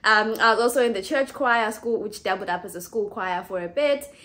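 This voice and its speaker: A woman in her twenties with a Zimbabwean accent, chatting casually to camera as a vlogger, talking in a relaxed way, laughing easily and correcting herself as she goes. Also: mid-range voice, brisk. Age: 20s.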